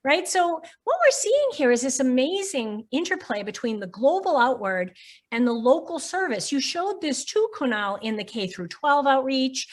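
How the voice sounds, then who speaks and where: A woman hosting a question-and-answer session, articulate and playful as she leads into her questions. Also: a little high. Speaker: host. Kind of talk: hosting a live Q&A.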